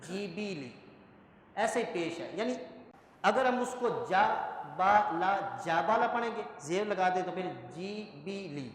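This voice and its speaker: A man teaching Quran pronunciation in a classroom lesson, spelling out syllables slowly and often asking whether the class understands. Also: high voice. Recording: echoey hall.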